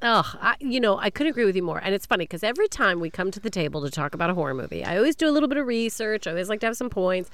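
A woman's voice: mid-range voice, very animated, rapid-fire, hardly any pauses, a bit bright, clear, resonant tone, dry recording. A woman co-hosting a podcast in casual banter, playful and effusive. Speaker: podcast co-host.

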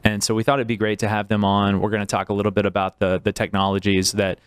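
A man hosting a podcast, laid-back and joking, with frequent halting restarts. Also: fairly low pitch, monotone, clear, resonant tone, no room sound, studio quality. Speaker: podcast host, integrator. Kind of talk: casual podcast chat.

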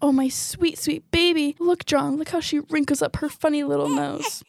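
A woman's voice: high voice, steady tone, normal speed, gravelly, slight background noise. A woman voicing a fretful young wife who pleads and whines with longing. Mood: doting. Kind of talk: amateur radio play acting.

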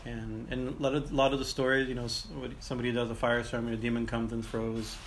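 A man teaching and telling ancient myths informally, in a halting way that circles back over phrases and often checks in with "right?". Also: mid-range voice, flat delivery. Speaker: teacher and storyteller. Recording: clearly noisy ambient background.

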